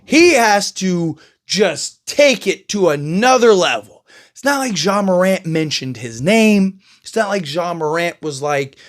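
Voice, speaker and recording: High-pitched male vlog host, exasperated rambling sports opinion rant. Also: animated, measured pace. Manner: exasperated, rambling, heavy fillers. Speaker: channel host.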